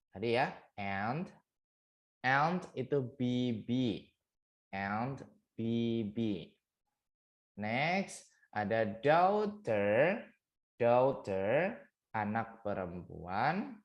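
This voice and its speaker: A male tutor teaching vocabulary in a slow, measured way, repeating each word several times so learners can follow. His pitch swings up and down in a lively, sing-song pattern, and he slips English phrases into his explanations. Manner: mixes English words into teaching talk. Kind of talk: online vocabulary lesson.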